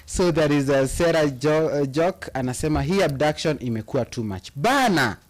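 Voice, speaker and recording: Co-hosting a casual live chat that switches between English and Swahili, a Kenyan man reads viewer comments aloud with passion and hesitant fillers. His voice is fairly high, his intonation lively, and his pace moderate.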